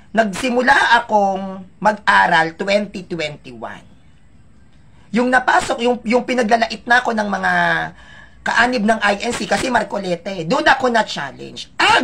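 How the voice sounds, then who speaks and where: A man's voice: high-pitched, vocal fry, pushed and bright, slight background noise. A man from the Philippines chatting emotionally to his viewers as he tells his life story. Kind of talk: casual personal storytelling.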